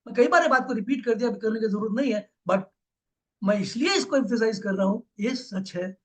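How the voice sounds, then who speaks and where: High-pitched Indian man giving an emphatic pep talk. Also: fairly quick, fairly bright tone. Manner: emphatic, repetitive, mixes in English phrases. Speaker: business leader giving a motivational talk. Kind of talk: motivational speech.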